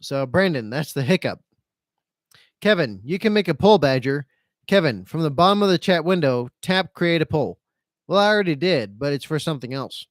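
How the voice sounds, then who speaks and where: Slightly high and animated, this man's voice moves at normal speed on a dry recording. Hosting a laid-back live stream, he reads out chat comments and rambles in circles, repeating phrases while sounding self-pitying, resigned, and sweary.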